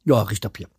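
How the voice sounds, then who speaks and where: A Hanau-area man vlogs from home in a casual, meandering chat to camera, often trailing off and restarting amid many fillers. He has a medium-pitched, dark, slightly rough voice with vocal fry, captured in a clean studio recording without echo.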